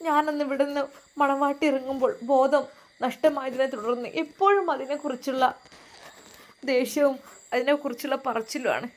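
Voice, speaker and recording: A hurt young wife answers timidly and defends herself, played by a woman storyteller. Her voice is fairly high and soft. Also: steady tone, moderate pace, natural voice. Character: hurt young married daughter.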